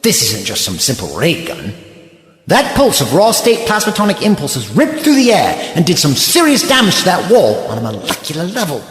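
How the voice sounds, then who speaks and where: A man's voice: on the high side, huge pitch swings, moderate pace. A man acting in an audio drama as an eccentric, principled, commanding alien time traveller, with precise, theatrical, wordy delivery. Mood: matter-of-fact, firm. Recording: echoey, reverberant, music underneath.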